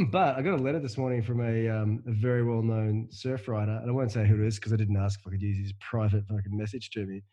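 Husky, blunt, profane podcast host. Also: male voice, on the low side, fairly even intonation, mellow, muffled recording. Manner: profane, halting, full of fillers and restarts. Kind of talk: casual podcast chat.

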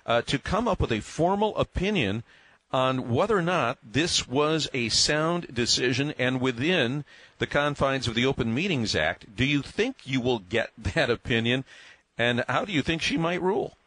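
Male radio host, mid-pitched, dry studio sound, conversational and probing. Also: animated, normal speed, fairly bright tone, no echo, poor audio. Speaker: radio interviewer. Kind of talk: radio interview.

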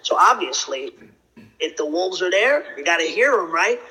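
A man's voice: high-pitched, expressive, moderate pace, bright, forceful tone, low-quality recording. A man being interviewed, talking casually and bluntly in a brash, hyped-up frat-bro way with frequent swearing. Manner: blunt, opinionated. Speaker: film producer and actor being interviewed.

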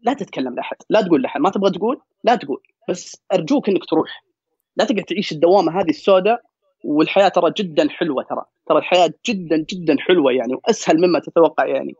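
A Saudi man speaks in a quick, husky rush, piling up repeated words to drive home his advice. His voice sits a bit high for a man. The recording is dry and slightly dull. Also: darkish tone, no echo. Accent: Saudi Gulf Arabic. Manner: fast, emphatic, repeats words for stress. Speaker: podcast guest. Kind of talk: casual storytelling and advice.

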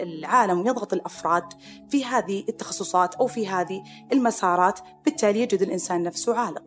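A woman with a Saudi Arabic accent, a psychiatrist hosting a podcast, talking in an animated way and acting out the people she quotes. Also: medium pitch. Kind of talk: podcast monologue. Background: soft music.

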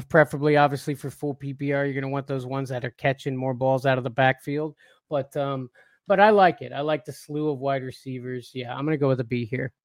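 A man co-hosting a casual live fantasy football stream, excitable and repeating himself, laughing often. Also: medium pitch, dry recording, studio quality.

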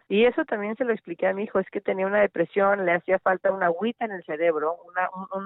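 A woman's voice: lowish voice, no room sound. A woman, a mother talking earnestly as a radio interview guest, often restarting her sentences. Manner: earnest, reflective, many restarts. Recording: tinny phone line, dry.

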